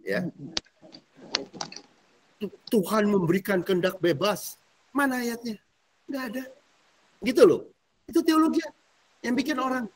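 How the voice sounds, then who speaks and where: A male pastor teaches a discipleship class in a casual, animated sermon, often quizzing his listeners. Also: high-pitched, measured pace, pauses often, a little hiss or hum. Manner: casual slangy preaching, quizzing the audience, animated swings between loud and soft.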